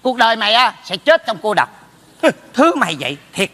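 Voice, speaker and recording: A man trades quick, mocking insults with his neighbor in a stage comedy sketch. His voice is high and bright. A long hall reverb hangs around it. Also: very animated. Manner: fast, mocking, teasing.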